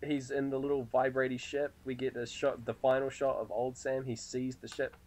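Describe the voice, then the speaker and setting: A man in casual podcast conversation, relaxed and loose in his phrasing. His speech is full of "like" fillers, and he laughs easily. He has a medium pitch and talks into a podcast microphone. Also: moderate pace, rough recording. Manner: laid-back, lots of filler "like", laughs often. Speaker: podcast co-host. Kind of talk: casual film discussion.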